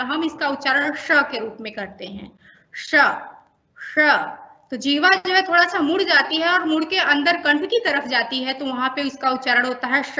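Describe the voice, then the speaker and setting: A woman's voice: sits high, pushed and bright, muffled recording. A woman training teachers, patiently explaining pronunciation and repeating sounds for practice. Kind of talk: instructional talk to teachers.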